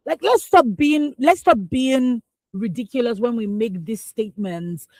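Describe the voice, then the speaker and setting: On a dry, poor-quality recording, a young Nigerian woman with a voice on the high side speaks a little slowly. Co-hosting a radio newspaper review in the studio, she reads headlines, then gets animated and exclamatory with her opinions, laughing as she moves between points.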